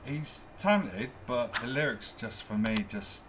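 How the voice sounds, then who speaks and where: A man's voice: mid-range voice, lively intonation, unhurried, noisy background. An older man giving casual reaction commentary in the sardonic manner of a grumpy old man. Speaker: reaction video host.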